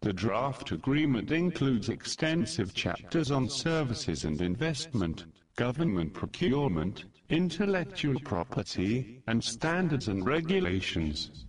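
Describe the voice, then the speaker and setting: A man from Canada with a disguised, lowered deep voice, reading out a political statement in a measured, declaiming way with deliberate pauses. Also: sing-song, recorded from a distance. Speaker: anonymous speaker of a political message.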